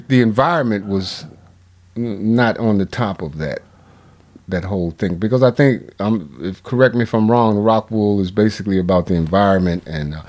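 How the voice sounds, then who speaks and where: Low-voiced man rambling with many restarts. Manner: bursts of animated emphasis. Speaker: radio show guest. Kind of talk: casual radio talk.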